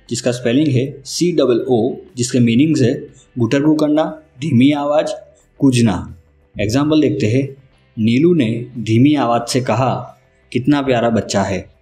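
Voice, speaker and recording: A man teaches vocabulary in a slow, unhurried, deliberate way, spelling each word out letter by letter. His voice rings in a roomy, echoey space, with soft music playing underneath. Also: mid-range voice. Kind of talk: scripted vocabulary lesson. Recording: roomy echo with faint music.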